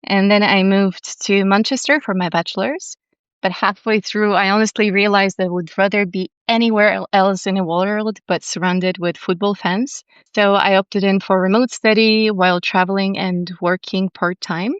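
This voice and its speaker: A young woman from Latvia, a podcast guest speaking in a calm, soothing and articulate way. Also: medium pitch, moderate pace, smooth, no room sound, lo-fi sound. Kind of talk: conversational interview.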